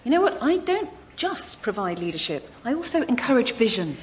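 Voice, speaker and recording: An actress playing a self-important, bossy team leader who speaks in pompous management jargon, in a comedy. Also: female voice, fairly high pitch, sing-song, a little fast, slight background noise. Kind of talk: sitcom-style comedy dialogue.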